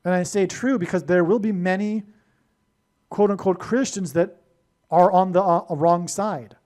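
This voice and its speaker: A man's voice: high-pitched, steady tone, unhurried, darkish tone. A man delivering a rambling solo monologue, full of digressions and restarts. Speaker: prophecy video host.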